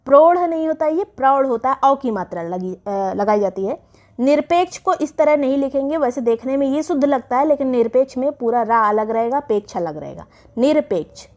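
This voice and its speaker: A woman's voice: sits high, expressive, brisk, darkish tone. A woman teacher giving an exam revision lesson, explaining spellings step by step and repeating each word.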